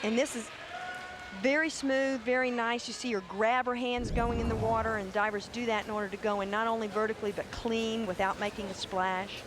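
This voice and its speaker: A woman's voice: fairly high pitch, steady tone, brisk. A woman giving analytical, explanatory diving commentary as an expert. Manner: explanatory, evaluative. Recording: loud venue noise behind the voice.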